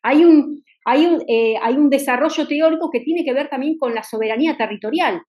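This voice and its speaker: A high-pitched woman hosts an interview. She argues emphatically, stacking points and tossing in rhetorical tag questions. Her delivery is passionate and persuasive. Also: a little fast, darkish tone, dull audio. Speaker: interview host. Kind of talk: political interview talk.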